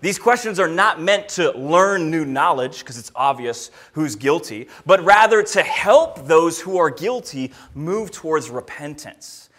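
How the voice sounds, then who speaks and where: A man's voice: fairly high pitch, expressive, measured pace, few pauses, a bit bright. A man preaching a sermon and leading prayer at a pulpit microphone in a church, telling stories in an earnest way. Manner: earnest, storytelling, rising energy in anecdotes. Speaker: guest preacher. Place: church sanctuary.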